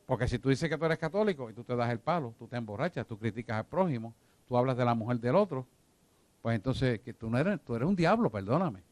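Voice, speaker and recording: In an animated, slightly mellow mid-range voice, a man teaches a church discipleship class at a quick pace. He stresses his points, repeats them, and keeps asking if the group follows. No echo is audible.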